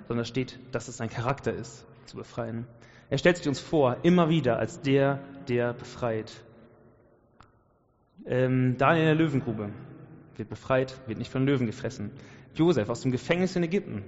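A man preaching a sermon, passionate and colloquial, building to emphatic peaks. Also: mid-range voice. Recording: dull sound with long hall reverb.

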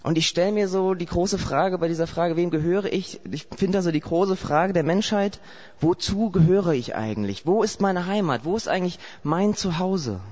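A man from Saarland preaches a sermon with a slightly high voice. He tells the story vividly and keeps posing rhetorical questions to his listeners. The recording is muffled and lo-fi. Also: normal speed, darkish tone. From Saarland, Germany. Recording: dull lo-fi recording.

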